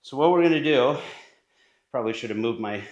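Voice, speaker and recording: A man's voice: mid-range voice, lively intonation, brisk, a little mellow, highs cut off. A man giving casual workout instruction in his home gym, now and then short of breath, sometimes moving away from the camera mic. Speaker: fitness coach. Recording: echoey home gym room.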